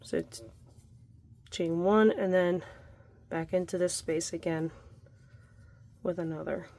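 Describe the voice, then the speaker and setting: A woman's voice: lowish voice, steady tone, takes it slowly, warm tone. A young adult woman leading a casual crochet tutorial at home, chatty and laughing often, breathing heavily from the effort. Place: home room by a window.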